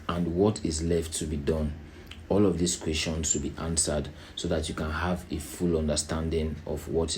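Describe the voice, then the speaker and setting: A man with a low voice presents plans to volunteers as their organisation's leader. He speaks slowly and without hurry, explaining each point deliberately. Some background noise sits behind his voice. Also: a little mellow. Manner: slow, unhurried, deliberate explaining; checks in with "right?".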